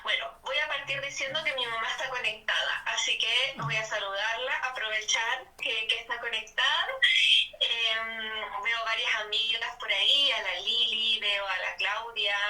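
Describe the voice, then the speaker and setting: A woman's voice: fairly high pitch, sharp tone. A young woman from Bolivia, a guest in a casual interview, talking reflectively in long flowing sentences with restarts. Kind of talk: casual conversation. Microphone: video call. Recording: echoey, distant phone line.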